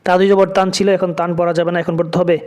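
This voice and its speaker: A man teaching Quran reading, spelling out letters and vowels syllable by syllable and chanting the words slowly. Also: high voice, little pitch movement, a little mellow. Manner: slow syllable-by-syllable drilling, drawn-out chanted recitation.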